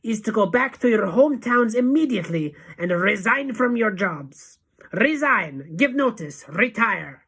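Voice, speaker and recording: For a storybook audiobook, a woman heavily acts a tiny, fiendish, tyrannical witch leader who screeches and barks commands in mangled grammar. Her medium-pitched voice is pushed up, gravelly, husky, and fairly bright, with lively intonation and a slightly slow, commanding delivery.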